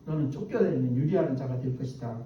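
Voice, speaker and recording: A man's voice: mid-range voice, fast talker, lo-fi sound, a little hiss or hum, pitched below the performer's own voice, natural voice. A man voicing a stern, reproving God in a sermon retelling, recorded distant in an echoey hall. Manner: scolding, stern.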